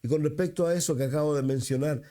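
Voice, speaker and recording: High-voiced Chilean pastor preaching. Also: male voice, fast talker, dark tone. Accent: Chilean Spanish. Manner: repeats himself for emphasis, asks the congregation questions; rises in pitch when quoting scripture. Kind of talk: sermon.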